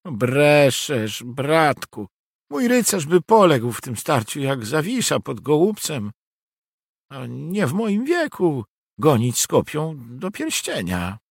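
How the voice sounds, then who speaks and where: A man's voice: a little high, wildly swooping pitch, slow, gravelly, slightly rough, dry recording, studio quality, voice pushed up, heavily acted. A man doing a wry weary nobleman. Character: tired, wry middle-aged nobleman.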